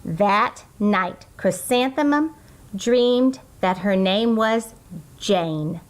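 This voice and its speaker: A woman's voice: mid-range voice, expressive, drawn-out words. A woman reading a children's picture book aloud, expressively, drawing out words for emphasis. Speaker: children's storybook reader.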